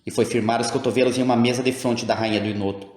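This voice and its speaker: A man reading a classic novel aloud as an audiobook narrator, in a measured, even manner. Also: medium pitch. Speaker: audiobook reader. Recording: echoey room.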